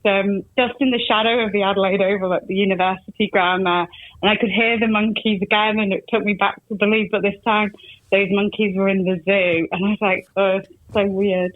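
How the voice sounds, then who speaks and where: A woman's voice: mid-range voice, fairly even intonation, brisk, no room sound. A woman telling chatty stories as a guest on a podcast interview. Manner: chatty storyteller. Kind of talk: casual interview chat. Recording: tinny phone line, dry.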